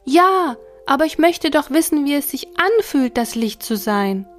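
An eager, cheeky little soul, put on by a woman storyteller, pitched high and excited as if every question matters. Soft music drifts faintly behind the reading. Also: normal speed, lightly acted. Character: small curious childlike soul, eager and cheeky.

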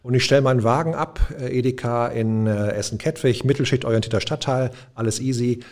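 A man's voice: medium pitch, a little fast, darkish tone. A middle-aged man, a de-escalation trainer, telling a personal anecdote in a colloquial, humorous podcast chat. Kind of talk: conversational podcast storytelling.

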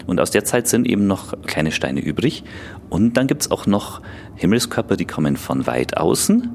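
A man's voice: sits low, big pitch swings, moderate pace, darkish tone, a little hiss or hum. A man speaking as an expert guest, explaining science simply and conversationally for children.

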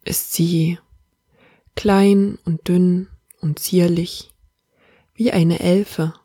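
A woman leading a guided meditation in a soft, half-whispered, calm and soothing manner. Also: lowish voice, drawn-out words, slightly rough, no room sound, studio quality.

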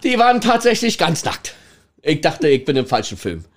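A man's voice: a little high, wildly swooping pitch, normal speed. A middle-aged man, telling anecdotes in a chatty way, laughing often and checking in with the listener. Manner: chatty, laughs a lot, tags lines with "ne?". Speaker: former toilet attendant telling stories.

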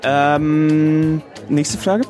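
Deadpan young man, lots of fillers. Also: fairly high pitch, extremely slow, soft background music.

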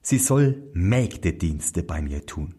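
A man's voice: deep voice, very animated, slow pace, mellow, slightly rough, pitched below the performer's own voice, exaggerated voice. A man voicing a bitter discharged soldier who gives curt, bossy orders, in a fairy tale reading. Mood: commanding.

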